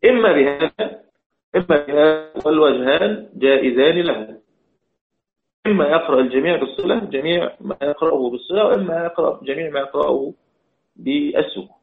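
A Quran recitation teacher with a brisk, gravelly, somewhat high male voice teaches a religious lesson. He poses questions aloud, answers them himself, and repeats each point for emphasis. The audio is echoey and tinny, like a phone.

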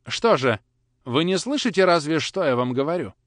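A man's voice: medium pitch, big pitch swings, moderate pace, no echo, close to an everyday voice. Stern elderly grandmother voiced by a man, drawling, commanding, dry close sound. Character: stern elderly grandmother, a countess, imperious but grieving.

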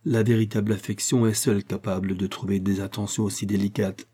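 A man voicing a charming young gentleman who speaks with polished, suggestive courtesy. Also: on the low side, little pitch movement, fairly quick, slightly rough. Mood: insinuating.

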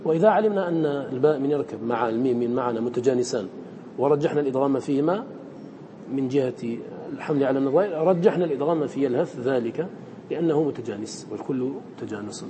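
A male teacher giving a classroom lesson, quizzing his students and slowly drawing out the lines he quotes. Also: mid-range voice, lively intonation, long reverb tail, noisy background.

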